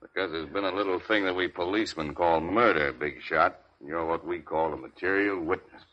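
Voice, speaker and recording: A man's voice: low voice, a little fast, natural voice. An actor playing a sardonic, needling 1930s beat cop, a hard-boiled city policeman in a vintage radio crime drama. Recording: dull vintage radio recording.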